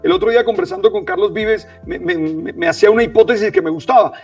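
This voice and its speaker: A man's voice: high voice, very animated, fast, vocal fry, a little mellow, far from the mic, faint music behind. A man hosting an interview, talking with enthusiasm and often repeating words. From Caribbean coast of Colombia. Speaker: host. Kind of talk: casual interview chat.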